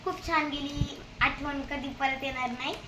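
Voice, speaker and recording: A woman's voice: sits high, steady tone, a little slow, echoey room, distant mic, noisy background. A young girl answering questions about her holidays at a family home. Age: child. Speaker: interviewed child relative. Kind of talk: shy short answers.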